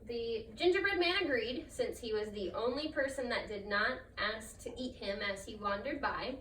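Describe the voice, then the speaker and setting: A woman's voice: fairly high pitch, normal speed, a bit bright. A woman storyteller narrating a trickster folktale in her own improvised words. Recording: roomy, distant mic, faint noise.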